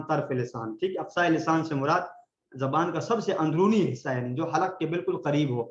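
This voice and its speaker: A man teaching Quran recitation in an online class, patiently explaining and slowly demonstrating letter sounds for his students to repeat. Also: fairly high pitch, echoey room, dull audio.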